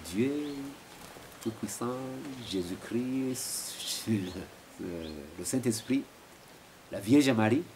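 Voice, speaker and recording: His lowish voice is a little mellow, and he draws his words out. He is a Rwandan philosopher in his forties answering interview questions at home, hesitating often and repeating words, in a noisy home recording.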